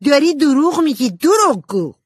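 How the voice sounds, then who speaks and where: A woman's voice: on the high side, big pitch swings, no room sound, studio quality, voice pushed up. A woman doing a hot-tempered teenage girl. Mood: furious. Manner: sharp and scolding.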